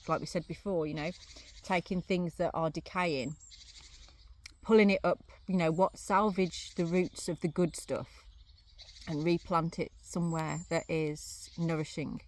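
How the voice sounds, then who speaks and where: A woman reading runes and tarot cards, thinking aloud in a casual, musing way with many pauses and fillers, chewing gum as she talks. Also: fairly low pitch, slight background noise. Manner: chewing gum while talking. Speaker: rune and tarot reader. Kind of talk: casual card reading to camera. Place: outdoors on a sunny day, crickets behind.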